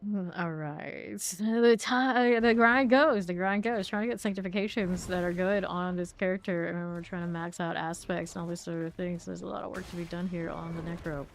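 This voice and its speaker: A woman's voice: fairly low pitch, fairly even intonation, moderate pace, gravelly, few pauses. Chatty woman streamer talking while playing. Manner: chatty, rambling, talks to chat. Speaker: game streamer. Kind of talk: casual gameplay chat.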